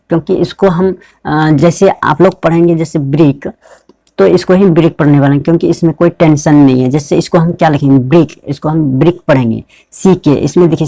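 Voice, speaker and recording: A man gives an online pronunciation lesson at his computer, often asking a question and answering it at once. His voice is mellow and dark, recorded dry and close with no room sound. He lingers on each word and says it more than once. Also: fairly high pitch, creaky, no room sound. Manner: repetitive, asks and answers his own questions. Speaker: English pronunciation teacher. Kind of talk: screen-recorded tutorial lesson.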